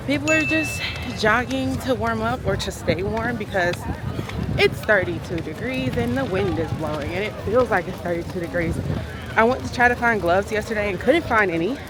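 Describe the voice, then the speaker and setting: Woman vlogging over noisy crowd sounds. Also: medium pitch. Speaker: vlogger, race participant. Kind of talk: casual vlog chat to camera. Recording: noisy outdoor crowd and traffic.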